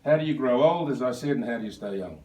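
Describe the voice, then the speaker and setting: Telling anecdotes at his own birthday lunch, an Australian man in his seventies speaks fast and animatedly. His voice is medium-pitched and mellow. It comes from far off in an echoey room.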